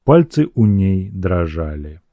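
A man narrating a classic novel in a measured, even storytelling manner. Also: sits low, no echo, narrow, tinny audio. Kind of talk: audiobook reading of a classic novel.

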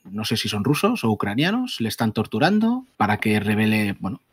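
A man's voice: fairly low pitch, sing-song, fairly quick, breathy edge. A man retelling a film plot at length in a casual podcast chat, rambling and full of restarts. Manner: recounts plot in long rambling stretches. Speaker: podcast co-host.

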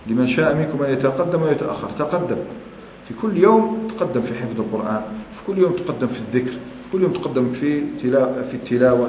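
A man's voice: mid-range voice, darkish tone. A man with an Algerian Arabic accent preaching a sermon, who retells old sayings and then repeats and explains them in everyday dialect. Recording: echoey hall, muffled and lo-fi, faint hiss.

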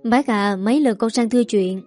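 A woman's voice: fairly high pitch, moderate pace, warm tone, no echo, faint music behind, natural voice. A woman voicing a brash young village man who pushes his way into a family talk. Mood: pushy.

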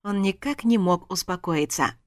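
A woman's voice: mid-range voice, moderate pace, dry recording, clean studio sound. A woman narrating a first-person story as an audiobook, reading expressively.

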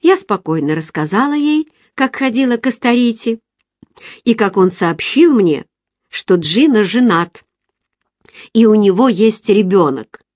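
A woman reading a novel aloud in the first person, calm and measured. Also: mid-range voice, no echo, clean studio sound. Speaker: audiobook reader. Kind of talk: first-person literary narration.

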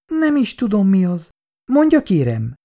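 An actress playing a frightened young woman in a 1960s radio drama, with a high voice that turns shrill. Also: huge pitch swings, warm tone. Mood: curious, mocking.

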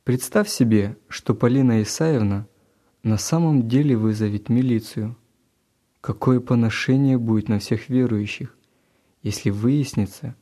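A man's voice: medium pitch, warm tone, close to an everyday voice. Man doing a stern, caring father. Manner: earnest, admonishing.

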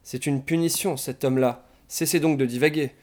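A man reading the part of an exasperated, confused young poet who blurts out his words, in a mellow voice. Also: medium pitch, steady tone, moderate pace, pitched above the performer's own voice, natural voice.

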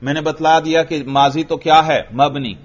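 A man's voice: fairly high pitch, steady tone. A man with a Pakistani Urdu accent, a religious teacher giving a classroom grammar lecture, firing short questions at his students and repeating their answers. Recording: dull lo-fi classroom recording.

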